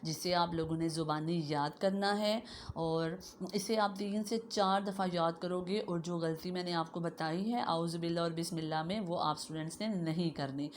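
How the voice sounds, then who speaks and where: A woman teacher giving a slow lesson to young children, drawing out syllables and often checking in with "okay". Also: on the low side, slight background noise.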